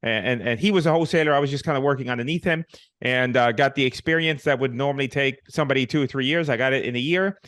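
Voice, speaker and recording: A man's voice: mid-range voice, quick pace, a bit bright, dry recording. A middle-aged man from Puerto Rico with a Puerto Rican accent, telling his story as a guest in a casual interview, joking and dropping in many fillers and restarts. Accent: Puerto Rican Spanish. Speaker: guest, real estate investor.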